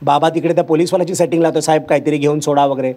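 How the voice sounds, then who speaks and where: Fast, high-voiced male stand-up comic. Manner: animated, acts out characters' lines. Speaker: stand-up comedian. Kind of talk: stand-up storytelling. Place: stage before a live audience.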